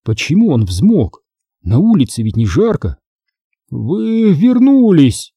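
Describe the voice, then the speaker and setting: A man narrating a story in a steady, even audiobook reading. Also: mid-range voice, normal speed, slightly rough, no room sound, clean studio sound.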